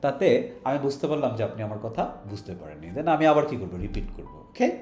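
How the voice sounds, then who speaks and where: A man with a Bangladeshi accent teaching English in an online lesson, asking rhetorical questions and answering them himself. He models English questions with a clear rising tone. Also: medium pitch, very animated, a little fast, a little mellow. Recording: roomy echo with faint music underneath.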